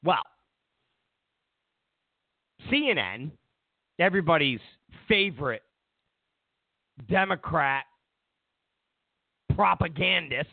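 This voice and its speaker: A man's voice: fairly high pitch, sing-song, slow, pauses often, no echo. A male show host giving a mocking, sarcastic political rant and laughing in the middle of sentences. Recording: tinny phone-like dry sound.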